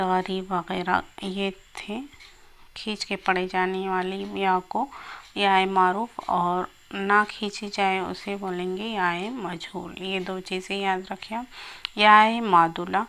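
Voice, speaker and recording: A woman's voice: medium pitch, a bit bright. A woman teaching a grammar lesson for exam preparation, explaining step by step and repeating example words.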